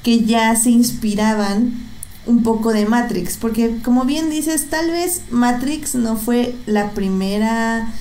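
A woman's voice: fairly high pitch, slow pace, a little mellow. A young woman with a Mexican accent chatting casually and thinking aloud, with hesitant, rambling phrasing. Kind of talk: casual conversation about films. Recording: echoey room, faint background noise.

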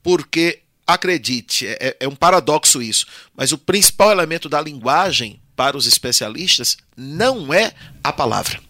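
A man's voice: a little high, expressive, moderate pace, hardly any pauses, pushed and bright, no echo, clean studio sound. A man with a Brazilian Portuguese accent, a language teacher speaking as a guest on a podcast, explaining patiently and often ending with a tag question.

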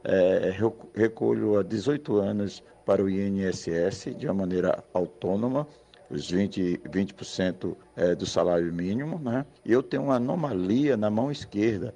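A man's voice: fairly low pitch, normal speed, vocal fry, mellow. A man, calling in to a radio show and asking politely and somewhat hesitantly. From Brazil. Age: 50s. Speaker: caller. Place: phone call.

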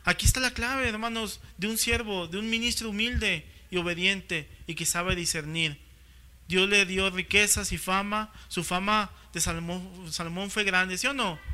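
A man's voice: sits high, steady tone, moderate pace, sharp tone. A man preaching a sermon, often checking in with the congregation and acting out quotes in playful voices. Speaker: pastor.

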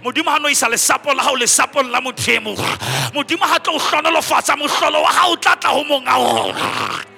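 A man with a South African Sotho accent preaching a charismatic Pentecostal sermon in a repetitive, exhorting way, moving between hushed recitation and shouted declarations. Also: very high voice, expressive, fast, vocal fry, few pauses. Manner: repetitive, call-and-response exhortation.

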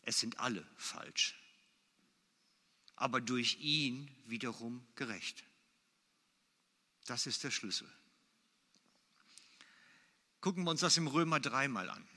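A man's voice: mid-range voice, unhurried, pauses often, bright, forceful tone. Man, preacher, sermon, emphatic, repetitive, piercing, long church reverb. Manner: emphatic, repeats key phrases.

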